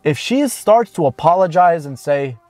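A slightly high, expressive, somewhat mellow male voice, free of echo, belongs to a dating coach of about thirty. He sits in a parked car with background music, talking directly to camera in a blunt, informal and emphatic way, lengthening key words.

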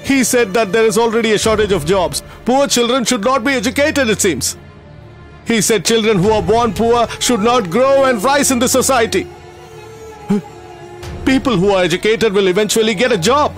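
An actor playing a grieving teacher who runs a school for poor children, speaking emotionally and apologetically in a dubbed film. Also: male voice, high voice, moderate pace, faint music behind, close to an everyday voice. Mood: bitter.

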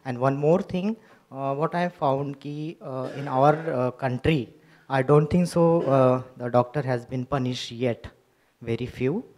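Brief: Indian English man, mid pitch, audience questioner, halting. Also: darkish tone. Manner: halting, searching for words. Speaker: audience member asking a question. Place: lecture hall.

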